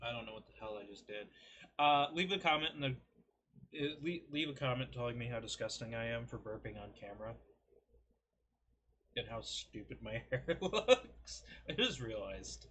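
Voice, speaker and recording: A man's voice: medium pitch, lively intonation, moderate pace, a bit bright, a little hiss or hum. Rambling self-mocking young man. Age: 20s. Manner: self-deprecating, rambling, joking. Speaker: food review vlogger. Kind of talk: casual rambling to camera. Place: small cluttered bedroom, indoors.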